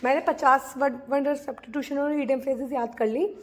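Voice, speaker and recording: A woman's voice: high voice, fairly even intonation, quick pace. A young woman from India talking earnestly and casually to her viewers in a study vlog, with many fillers and restarts. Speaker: vlogger studying for a teaching exam.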